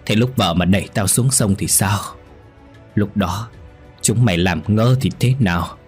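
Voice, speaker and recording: A man's voice: fairly low pitch, a little slow, husky, soft background music. A man voicing the vengeful ghost of a woman in a spoken ghost story, taunting and gleeful. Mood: gloating.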